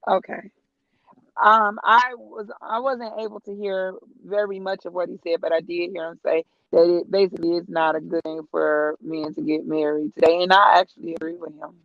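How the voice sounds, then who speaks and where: A woman's voice: fairly low pitch, fairly even intonation, normal speed, no room sound. A woman panel guest speaking carefully over a shaky call connection. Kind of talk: casual opinion on a call-in panel. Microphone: video call. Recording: dull lo-fi call audio with bad connection.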